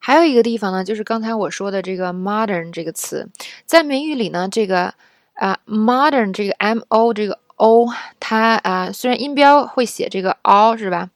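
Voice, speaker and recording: A woman's voice: medium pitch, moderate pace, dry recording, clean studio sound. A woman from China teaching English pronunciation in a casual spoken lesson, explaining patiently and often checking in with the listener.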